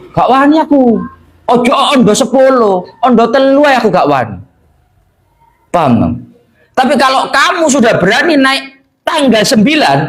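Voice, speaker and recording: Male preacher, conversational lesson style, high and very animated delivery. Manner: conversational preaching, mixing Javanese and Indonesian, frequent "hah?" checks. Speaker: religious teacher. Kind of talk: religious lesson to a congregation.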